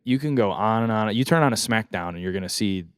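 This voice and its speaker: A man who wrestles, joking around in a relaxed podcast chat. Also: on the low side, fast talker, smooth, dry recording, clean studio sound. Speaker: wrestler guest. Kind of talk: casual chat.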